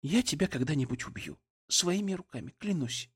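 A man voicing a distraught pregnant young wife whose voice is hoarse from crying. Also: fairly high pitch, animated, moderate pace. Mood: tender threat.

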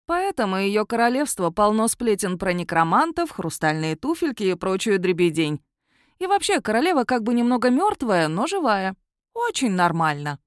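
A woman's voice: mid-range voice, very animated, normal speed, no room sound, clean studio sound, close to an everyday voice. A woman voicing a snarky female beast companion in an audiobook, with a mocking, sassy manner. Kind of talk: audiobook character voice.

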